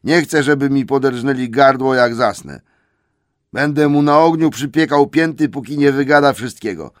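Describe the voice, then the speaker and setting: A man voicing a big, greedy, surly male troll who talks loud and coarse in a storybook reading. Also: mid-range voice, normal speed, no echo, studio quality, voice pushed up, close to an everyday voice. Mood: gruff.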